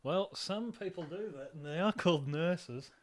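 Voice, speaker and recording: A man co-hosting a podcast, blunt and quick to laugh in crude banter. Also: high voice. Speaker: podcast co-host.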